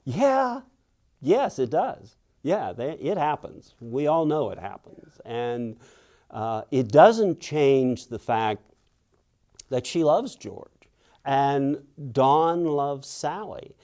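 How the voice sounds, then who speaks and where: Speaking at medium pitch with a warm tone, this older man from Western Pennsylvania grows very animated as he acts out the people he quotes. He's an author in an interview, telling reflective stories in a thoughtful, unhurried way.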